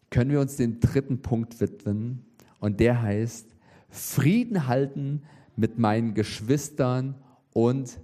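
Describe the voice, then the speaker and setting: A man preaching a sermon, with lively emphasis and frequent rhetorical questions to the congregation. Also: mid-range voice, husky.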